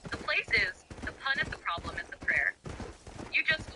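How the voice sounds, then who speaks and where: A woman's voice: mid-range voice, big pitch swings, normal speed. Slangy poetic woman over game noise. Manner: slangy, earnest, theatrically poetic. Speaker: AI chatbot companion. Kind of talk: conversational poetic monologue. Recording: clear video game noise behind voice.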